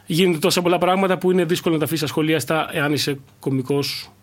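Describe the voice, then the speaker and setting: A young man, a stand-up comedian, chatting casually in an interview and thinking aloud with many fillers and restarts. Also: on the high side.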